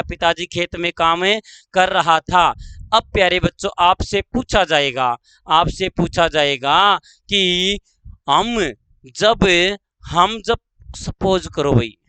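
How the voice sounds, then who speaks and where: Slow, high-voiced teacher. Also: male voice, sharp tone, clean tone, dry recording, rough recording. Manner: slow, drawn-out, repeats phrases and asks pupils questions. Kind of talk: online grammar lesson.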